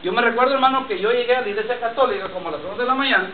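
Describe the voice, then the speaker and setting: In a distant, tinny lo-fi church recording, a man gives a sermon with personal testimony, circling back over his words and frequently addressing people as brother while the congregation responds. His very high voice comes rapid-fire in an echoey room with slight hiss or hum.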